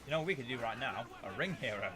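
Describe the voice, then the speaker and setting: A man's voice: mid-range voice, expressive, racing. A man giving strategy game commentary as a video host, playfully theatrical, talking to his units and making mock threats.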